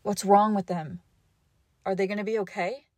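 A young woman playing a devoted girlfriend who nurses her sick partner, coaxing and protective, often dropping to a hush. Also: medium pitch, steady tone, normal speed, no echo, lightly acted. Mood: soothing. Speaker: audio roleplay performer. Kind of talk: audio roleplay addressed to the listener.

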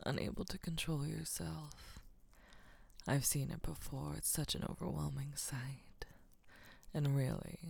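A woman playing a doting female caretaker who talks in a soft, hushing whisper. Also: deep voice, gravelly, slightly rough, full character voice. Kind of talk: intimate audio roleplay.

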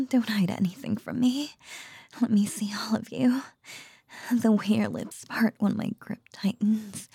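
A woman voicing an ancient, possessive nine-tailed fox goddess in a whispered ASMR roleplay, speaking in a slow, teasing, breathy murmur. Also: medium pitch, dark tone, no echo, clean studio sound, exaggerated voice.

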